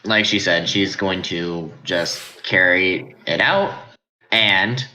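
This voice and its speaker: A man with a very low voice and a crisp, forceful edge runs a tabletop game. He narrates slowly and matter-of-factly, in a casual measured way. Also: poor audio. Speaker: game master.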